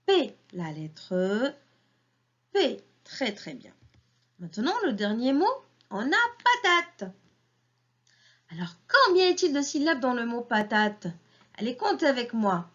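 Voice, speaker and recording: Slow, syllable-stressing woman teacher. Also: on the high side, fairly bright tone. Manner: slow, clearly syllabled, encouraging teacher talk. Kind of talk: phonics lesson for young children. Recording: dull lo-fi recording.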